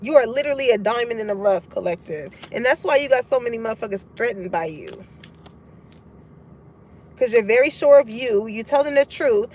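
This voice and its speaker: A woman's voice: a little high, lively intonation, a little fast, darkish tone. A woman giving a casual tarot reading to her collective audience, frank and profane, laughing often as she talks. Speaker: tarot card reader.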